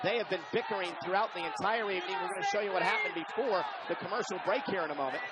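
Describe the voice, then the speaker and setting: A man doing excited live play-by-play wrestling commentary, punching out each call of the action. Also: sits high, rapid-fire. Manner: emphatic, punchy calls of the action. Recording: loud crowd noise behind live broadcast. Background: roaring arena crowd.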